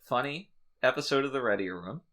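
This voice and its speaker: Joking man with a bright voice. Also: medium pitch, expressive, a little fast. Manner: joking, irreverent, swears freely. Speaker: podcast host. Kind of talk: casual chat.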